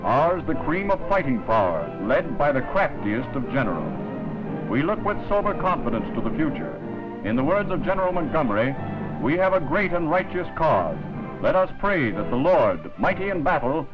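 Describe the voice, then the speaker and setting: A man's voice: a little high, very animated, normal speed. A man narrating a wartime newsreel in the rousing, declamatory announcer style of the 1940s. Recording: muffled 1940s newsreel soundtrack, loud music.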